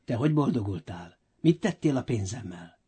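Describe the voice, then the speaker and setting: A man voicing a stern wealthy master in a storybook audio reading, who shouts his orders in a high, sharp voice. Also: sing-song, breathy edge. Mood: commanding, pleased. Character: stern wealthy master, middle-aged man, quick to anger.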